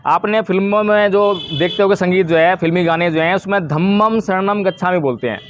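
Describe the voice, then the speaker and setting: Male preacher, high voice, dry sound. Lectures a village crowd and answers his own questions. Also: fairly quick, no room sound. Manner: asks the listeners questions and answers them himself. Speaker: Buddhist preacher. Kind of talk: dhamma talk to a village gathering.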